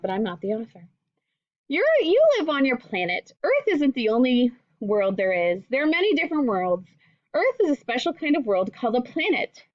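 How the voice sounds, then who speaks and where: In a high voice, a woman expressively reads a children's story, breaking in with easy explanations the way a teacher would for little ones. There's no echo, and the sound is dull.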